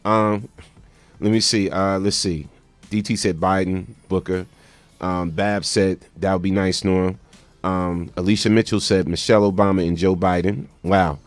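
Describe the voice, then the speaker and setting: With faint music running underneath, a man chats as a morning radio DJ taking calls, informal and repetitive, tossing out friendly shout-outs. He speaks unhurriedly with fairly even intonation, his pitch ordinary for a man but on the lower side. The recording is dry.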